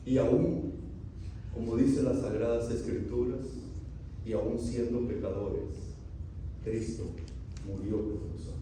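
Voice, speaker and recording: Echoey preacher in a distant church hall. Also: male voice, medium pitch, fairly even intonation, slow pace, pauses often. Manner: swings from loud rhetorical questions to quiet, solemn drops. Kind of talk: sermon. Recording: very echoey, distant from the mic, faint room noise.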